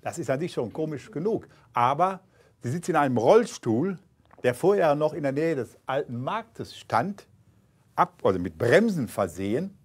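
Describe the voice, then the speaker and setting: Brief: husky man hosting an author talk, easygoing, jokey, lots of ums. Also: a little high, very animated, normal speed. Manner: chatty, joking, hesitant with fillers. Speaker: moderator. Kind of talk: conversational moderation of a reading. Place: live reading event.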